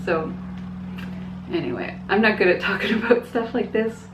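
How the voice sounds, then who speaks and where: A woman's voice: mid-range voice, normal speed, noisy background. A young woman talking frankly in a casual opinion vlog, earnest but hesitant, with fillers and small laughs. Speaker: vlogger. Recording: echoey, dull room sound.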